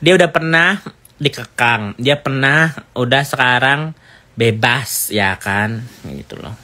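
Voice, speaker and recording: Chatty gossip host, man, bright tone, rambling, mid pitch. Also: slow pace. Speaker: gossip commentator. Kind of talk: casual gossip commentary.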